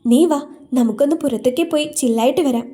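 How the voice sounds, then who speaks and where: A woman's voice: high voice, quick pace, dark tone, close to an everyday voice. A woman voicing a young woman who scolds and coaxes her tearful best friend. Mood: scolding. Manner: scolding, coaxing.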